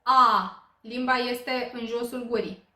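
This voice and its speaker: A woman from Romania leads a beginners' language lesson, patient and explanatory, often pausing on small fillers. Her voice sits slightly high. The sound carries a noticeable room echo. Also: fairly even intonation, a bit bright. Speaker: Korean language teacher. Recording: roomy echo.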